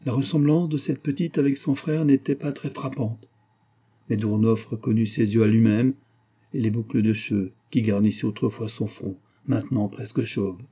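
A man reading a classic novel aloud as an audiobook, in a measured, steady literary narration. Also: fairly low pitch, breathy edge. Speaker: audiobook reader.

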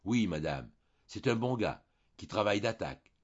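A man's voice: on the low side, expressive, moderate pace, husky, highs cut off. A man voicing an older countrywoman servant who speaks in a rustic country manner. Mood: tearful, homely. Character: older woman, a weeping rustic maidservant.

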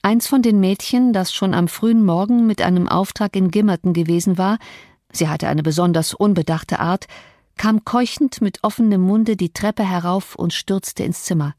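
A woman narrating a classic novel as an audiobook, in measured, even storytelling. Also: mid-range voice, no room sound, clean studio sound. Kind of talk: scripted literary narration.

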